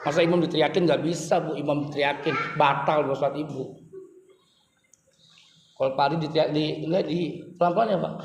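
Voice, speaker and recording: High-voiced, playful male preacher in echoey hall. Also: fairly even intonation, a little fast, creaky, pauses often. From Indonesia. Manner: playful, teasing the audience, sudden rises in pitch and volume. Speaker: Islamic preacher. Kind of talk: lively sermon to a congregation. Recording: echoey hall, faint noise.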